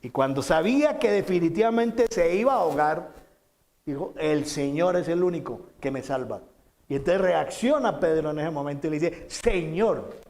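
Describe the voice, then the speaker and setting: Emphatic Spanish-speaking pastor preaching. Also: male voice, lively intonation, normal speed. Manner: emphatic preaching with repeated phrases and dramatic quotes; swings between loud quoted lines and soft low asides. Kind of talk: sermon.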